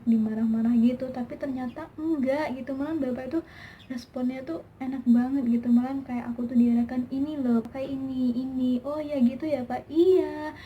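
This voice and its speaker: Young woman, vlogger, chatty, emotional, slightly high voice, dull lo-fi audio. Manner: chatty and emotional, many fillers. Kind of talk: personal testimony vlog. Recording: slightly dull lo-fi sound with faint background hiss.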